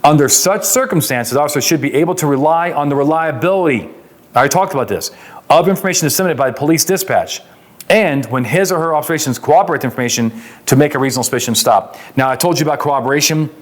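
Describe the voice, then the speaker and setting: A fast-talking man with a fairly high pitch and an American accent lectures on the law, explaining things emphatically in a conversational tone. He often puts questions to the room and answers them himself, instructor-style.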